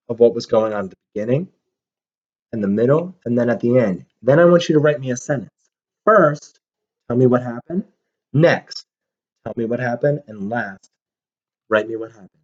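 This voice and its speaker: Reading a storybook and teaching a lesson, a man talks upbeatly to young children as he draws. His medium-pitched, slightly mellow voice has big pitch swings, a moderate pace, and frequent pauses, and the recording sounds dull and lo-fi.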